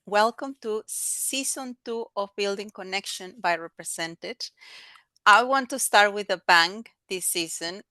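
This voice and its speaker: A woman from Mexico hosting an interview podcast, talking in an enthusiastic, animated way with small restarts. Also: mid-range voice, unhurried, dry recording. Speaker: podcast host.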